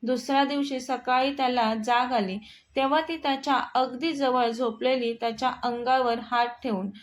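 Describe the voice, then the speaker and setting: Female storyteller, high voice, steady plain narration. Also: moderate pace, slight background noise.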